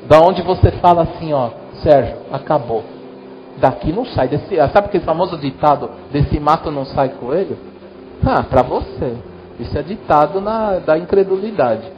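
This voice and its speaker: A man's voice: on the high side, lo-fi sound, a little hiss or hum. A Brazilian man, a pastor, giving a sermon in a church in a chatty style, talking straight to the congregation. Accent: Brazilian Portuguese. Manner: conversational preaching, addresses congregation directly.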